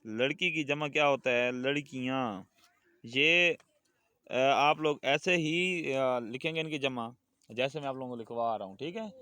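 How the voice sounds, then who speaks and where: A male Urdu teacher with a Pakistani accent leads a children's lesson at an unhurried pace. He repeats each word and sentence patiently so his pupils can echo it back. The sound is dry and close to the mic. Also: medium pitch, sharp tone, clear, resonant tone. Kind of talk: classroom lesson with call-and-response drills.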